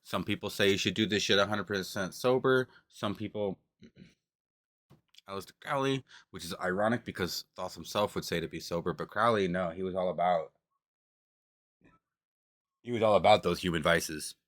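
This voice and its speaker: A man streams from home with his camera set on a table, talking in a loose, rambling and often profane way. His voice sits very low. The sound is dry and close, with almost no room echo. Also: moderate pace, pauses often, a bit bright. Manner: rambling, loose and profane, talks with mouth full at times. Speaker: streamer doing tarot readings. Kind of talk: casual livestream chat.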